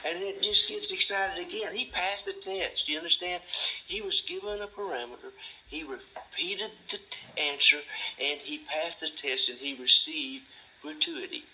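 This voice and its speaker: A man hosting a monologue, talking slowly and deliberately in a drawling, folksy way. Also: steady tone, sharp tone, poor audio. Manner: drawling, folksy, mimics a delighted parent in a high voice; slow, deliberate delivery. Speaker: host. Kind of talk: monologue to camera.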